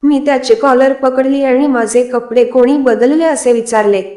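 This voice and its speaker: A woman narrating a first-person story in a steady, confiding way. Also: sits high, moderate pace. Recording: echoey room.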